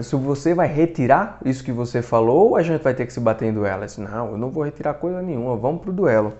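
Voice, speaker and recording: A man's voice: on the high side, mellow. A man with a Brazilian accent, hosting a literature podcast, casually retelling a novel's plot in colloquial speech with some swearing. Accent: Brazilian Portuguese. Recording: dull, muffled lo-fi recording.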